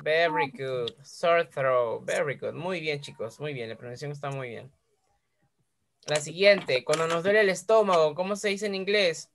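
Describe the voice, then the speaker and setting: A woman teaching English words to young children, repeating each word slowly and praising them often. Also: low voice, a little hiss or hum. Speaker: primary school English teacher.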